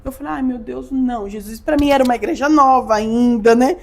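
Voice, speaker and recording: A woman's voice: a little high, a little fast, a little mellow. A Brazilian woman giving an emotional podcast testimony, acting out her own quotes as she tells the story. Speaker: podcast guest.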